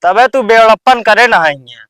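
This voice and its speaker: A man's voice: sits high, moderate pace, fairly bright tone, no room sound. A man with an Awadhi accent playing a blunt, scolding village man in an amateur comedy sketch. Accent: Awadhi, eastern Uttar Pradesh.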